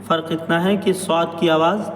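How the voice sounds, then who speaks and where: A man teaching a pronunciation lesson on Arabic letters, drawing out each sound slowly and carefully. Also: a little high, fairly even intonation. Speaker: Quran recitation teacher. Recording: echoey hall, mic at a distance, faint noise.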